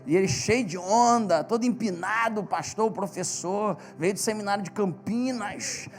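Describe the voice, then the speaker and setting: A man's voice: high voice, moderate pace. A male pastor with a Brazilian Portuguese accent preaching in church, telling stories with animation and emphasis. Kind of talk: sermon.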